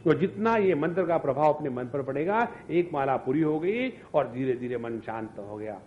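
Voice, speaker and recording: Animated male spiritual teacher. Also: a little high, moderate pace, narrow, tinny audio, a little hiss or hum. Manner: animated, rhetorical questions, chants mantras. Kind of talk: Hindi scripture discourse.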